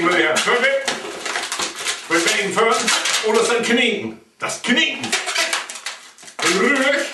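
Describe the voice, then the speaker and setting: A man's voice: high-pitched, very noisy. A man with an East Frisian accent telling a playful comic story, chuckling as he goes. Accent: East Frisian German. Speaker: comedian. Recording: echoey room, mic at a distance.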